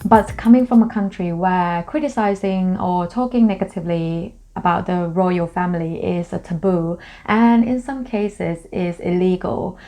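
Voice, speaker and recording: A woman's voice: lowish voice, normal speed, hardly any pauses, dark tone. A young woman from Thailand, a native Thai speaker, chatting casually to camera in a vlog, explaining things in a friendly way with plenty of fillers. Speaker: vlogger.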